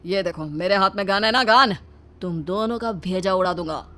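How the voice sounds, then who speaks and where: A woman's voice: mid-range voice, normal speed, pushed and bright, voice pushed down, close to an everyday voice. A woman voicing a male street robber in a cartoon story, bullying and blustering in manner. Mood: threatening, blustering. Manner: blustering, threatening.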